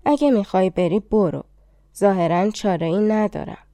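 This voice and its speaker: A woman's voice: mid-range voice, lively intonation, dark tone, no echo, natural voice. Woman doing a scoffing old king. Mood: mocking. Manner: teasing, scornful. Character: old king, mocking and doubtful father.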